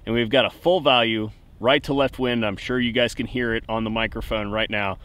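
A man's voice: mid-range voice, steady tone, brisk, fairly bright tone, clear, resonant tone. A man hosting a casual firearms demonstration outdoors at a shooting range, plainspoken and technical, talking straight to his viewers. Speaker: host.

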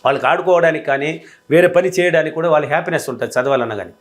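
A man's voice: on the high side, very fast. A man giving a motivational relationship-advice talk as a coach, emphatic and repetitive, acting out little dialogues between spouses.

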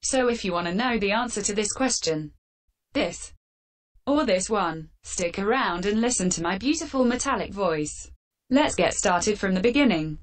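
A woman hosting a fan Q&A with sarcastic, deadpan answers, her voice run through a metallic filter. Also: medium pitch, moderate pace. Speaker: channel host answering fan questions. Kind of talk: scripted comedic Q&A.

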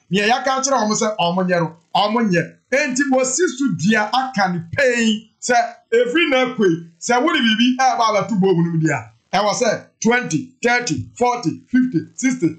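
A man in his thirties giving animated, emphatic commentary to camera from a room indoors. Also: extremely high pitch. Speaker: online show host. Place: indoor room before a backdrop image.

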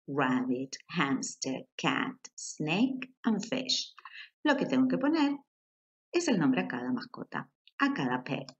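Rioplatense woman teacher, low voice, very slow, patient, spells words out for kids. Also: dull audio. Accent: Rioplatense Spanish. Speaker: English teacher. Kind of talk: online children's English lesson.

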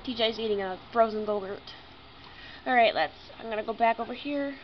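A gaming YouTuber, a young woman with a stuffy nose, talks casually and apologetically as she plays a game. Her voice is on the high side and a little fast. It's a lo-fi home recording with a noisy background.

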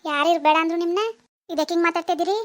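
A woman voicing a middle-aged mother who tries to calm a family quarrel, in a rural Kannada village dialect. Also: very high voice, very fast. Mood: placating. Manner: soothing, placating. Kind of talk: cartoon voice acting.

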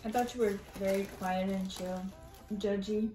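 A woman's voice: medium pitch, fairly even intonation, moderate pace, music in the background. A young woman chatting casually as a guest in an eating video, in a laid-back way. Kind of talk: casual chat. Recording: roomy echo with clear background noise.

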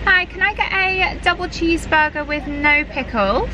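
A woman in a car, ordering food at a drive-through with polite, unhurried requests and pauses. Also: very high voice, background noise. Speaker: vlogger.

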